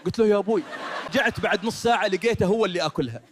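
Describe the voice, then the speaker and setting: A man as a high-voiced cheeky Saudi monkey comedian. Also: rapid-fire, close to an everyday voice. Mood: cheeky, mock-aggrieved. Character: cheeky boastful male monkey stand-up comedian. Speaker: stand-up comedian. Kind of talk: stand-up comedy routine of short joke stories. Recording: clearly noisy recording.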